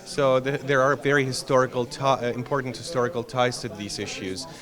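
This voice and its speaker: A man's voice: medium pitch, flat delivery, a little fast. A man being interviewed at a conference as a historian, answering thoughtfully with frequent restarts and fillers. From Iraq, raised in Canada. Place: conference venue. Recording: crowd chatter behind.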